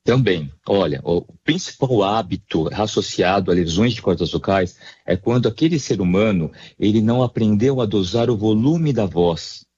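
Um médico otorrinolaringologista com sotaque brasileiro, explicando com calma e hesitações numa entrevista de rádio. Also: male voice, lowish voice, breathy edge, highs cut off. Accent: Brazilian Portuguese. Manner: measured, explanatory, with frequent hesitations. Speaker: ear, nose and throat doctor, voice specialist. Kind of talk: explanatory radio interview answers.

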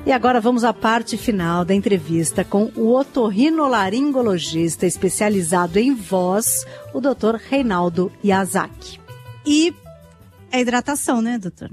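Uma mulher com sotaque brasileiro conduzindo uma entrevista de rádio, com perguntas curtas e intervenções breves. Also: female voice, medium pitch, lively intonation, normal speed, darkish tone, soft background music. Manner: brief prompts and follow-up questions. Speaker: radio interviewer. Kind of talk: radio interview.

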